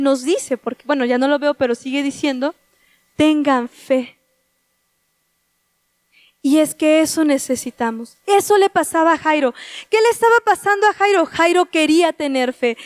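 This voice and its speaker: A woman's voice: extremely high pitch, dry recording. A woman preaching a sermon, telling stories with quoted dialogue and asking the congregation questions.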